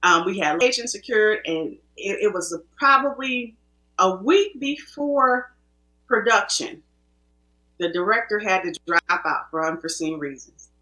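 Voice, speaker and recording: A woman's voice: mid-range voice, lively intonation, moderate pace, pushed and bright. Woman film producer guest, Midwest-raised, chatty and restarting often, in an echoey room. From American Midwest. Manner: chatty, self-interrupting storyteller. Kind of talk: casual interview talk.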